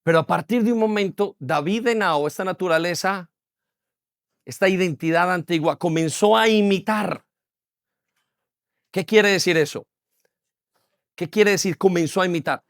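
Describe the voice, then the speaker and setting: A man's voice: high voice, moderate pace, pauses often, no room sound, studio quality. A man, preaching a sermon as pastor with repeated phrases and rhetorical questions. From Colombia. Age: 40s. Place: church hall.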